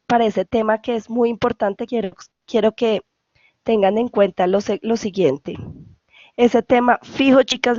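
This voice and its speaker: A woman's voice: fairly high pitch, dark tone, dry recording, highs cut off. Patient Colombian woman tutoring English. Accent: Colombian Spanish. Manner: patient, repeats and checks for questions. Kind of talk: online class explanation. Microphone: video call.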